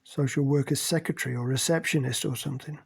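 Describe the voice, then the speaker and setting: A man's voice: mid-range voice, steady tone, fast talker, gravelly, slightly rough. A man voicing Jessie, a blunt woman who jeers and mocks, in an audiobook. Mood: jeering. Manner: mocking, jeering. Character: jeering, blunt working woman.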